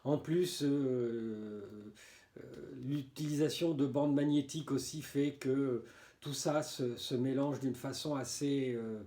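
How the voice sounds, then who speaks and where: A man's voice: mid-range voice, slow pace, dark tone. A man casually reviewing albums from his own collection, hesitating often, repeating words and tagging his phrases with little filler words. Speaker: music collector presenting albums. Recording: roomy echoey room.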